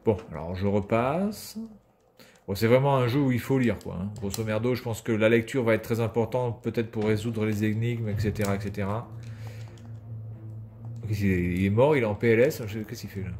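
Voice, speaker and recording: A man's voice: lowish voice, fairly quick, darkish tone. A man giving casual video game commentary as a streamer, sarcastic and swearing freely.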